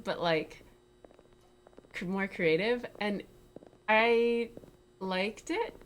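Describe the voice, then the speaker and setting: Woman co-host chatting games, normal pitch, short easy replies. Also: a little hiss or hum. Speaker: co-player and co-host. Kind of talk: casual chat, game review.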